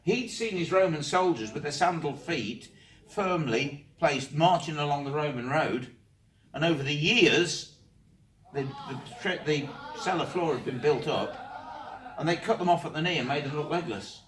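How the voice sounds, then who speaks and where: A man, a historian, telling ghost stories to a group, animated, sometimes repeating words as he goes. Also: a little high, moderate pace. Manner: animated storyteller, repeats words while searching. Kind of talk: storytelling talk to a group. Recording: roomy, from far off.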